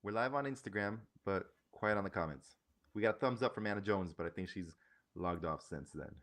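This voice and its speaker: A man's voice: lowish voice, brisk, fairly bright tone. A man co-hosting a casual livestream podcast, agreeing readily and telling stories with animation. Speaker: podcast co-host.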